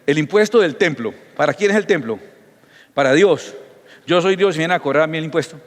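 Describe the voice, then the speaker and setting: A man voicing Jesus as a calm, wry teacher who reasons with questions. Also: on the high side, fairly quick, in a large hall, close to an everyday voice.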